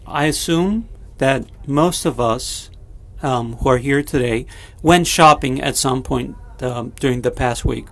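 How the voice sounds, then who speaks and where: A man preaching a sermon and leading a prayer, pausing often with fillers and restarting his sentences. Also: mid-range voice, gravelly, a bit bright. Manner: halting, many fillers and restarts, slow and deliberate. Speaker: pastor.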